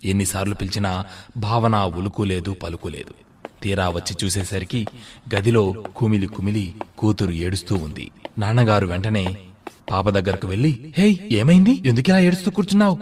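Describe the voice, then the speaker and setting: Low-voiced male storyteller. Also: steady tone. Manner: measured, moralizing storytelling. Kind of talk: scripted story narration.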